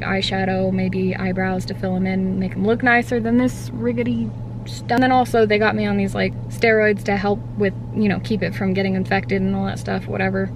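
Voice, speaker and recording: A woman in her twenties, a little puffy-cheeked after wisdom teeth removal, chatting casually to camera in a halting, filler-heavy way that often trails off. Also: mid-range voice. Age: 20s. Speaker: vlogger. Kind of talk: casual rambling vlog to camera. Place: inside a parked car. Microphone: camera or phone at arm's length on the dashboard. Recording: car interior with clear background hum.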